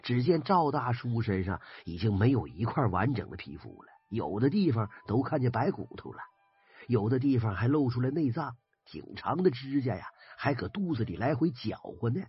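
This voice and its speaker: A man with a Northeastern Chinese accent telling a folk ghost story in a lively, dramatic way. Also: medium pitch, moderate pace, no echo. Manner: lively, dramatic retelling, husky. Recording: dry, slightly dull recording with faint music.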